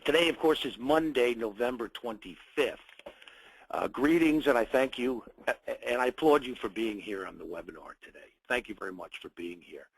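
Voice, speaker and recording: An American trading educator, his voice a little nasal from a cold, hosts a live webinar and greets viewers in short, filler-heavy phrases. He speaks at medium pitch and a normal speed, with a creaky tone and a breathy edge. The low-quality recording has no room sound.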